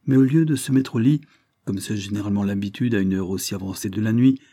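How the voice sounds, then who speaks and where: Man narrating a classic novel audiobook, low dark husky voice, measured. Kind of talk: scripted narration of a Victorian novel.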